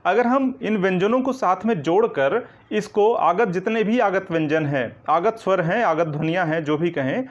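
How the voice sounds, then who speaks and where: A man with a fairly high voice teaches Hindi grammar in an online coaching lecture. He goes step by step, keeps checking in with the listener, and answers his own questions. The recording sounds dull and lo-fi. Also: expressive, normal speed, few pauses. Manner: explains step by step, repeating "ठीक है ना" and asking questions back.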